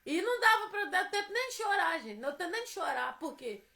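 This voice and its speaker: A woman's voice: very high-pitched, very animated, brisk, bright, forceful tone. A woman preaching a devotional sermon, emphatic and repetitive as she urges her listeners on.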